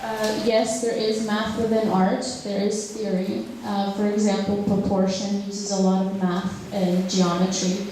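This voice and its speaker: A Ukrainian drawing teacher answers audience questions at a public talk, recorded far from the mic in an echoey hall with a bit of hiss or hum. Her medium, dark-toned voice barely moves in pitch and stays measured with hardly any pauses, though she's hesitant, using many fillers and restarts.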